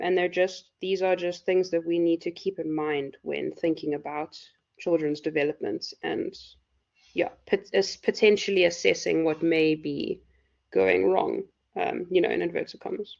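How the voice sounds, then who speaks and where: Woman lecturer, croaky and low-pitched, rambling live class talk. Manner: loose, filler-heavy explaining. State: hoarse. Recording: dull lo-fi recording.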